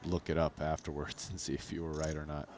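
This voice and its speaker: Male poker pro commentating, extremely low pitch, casual, conversational, loosely phrased analysis, noisy background. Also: flat delivery, brisk, a little mellow. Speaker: professional poker player, guest commentator. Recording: noticeable background noise.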